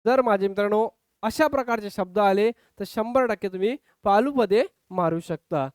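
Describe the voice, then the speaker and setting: A man's voice: high voice, moderate pace, smooth, no room sound, clean studio sound. A man teaching an online exam-prep grammar lesson, acting out example exclamations and calling his students friends. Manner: lively, acts out example exclamations, keeps addressing students as friends.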